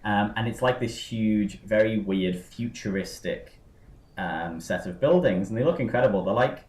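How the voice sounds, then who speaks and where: A man's voice: on the low side, moderate pace, darkish tone, a little hiss or hum. A man hosting a podcast, rambling through a casual chat with lots of fillers and tangents. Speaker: podcast host. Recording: roomy echo.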